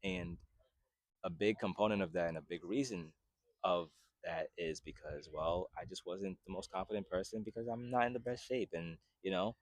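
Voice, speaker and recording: In a dry recording, a low-voiced man talks at normal speed. He's a Haitian-born fitness vlogger and personal trainer in his twenties, chatting conversationally on camera and repeating "right?" often.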